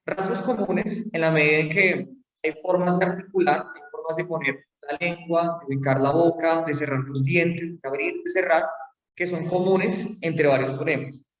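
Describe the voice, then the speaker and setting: A man's voice: on the high side, steady tone, normal speed. A man giving a phonetics lecture, explaining step by step with fillers and check-in questions. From Colombia. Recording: roomy hall, mic far off.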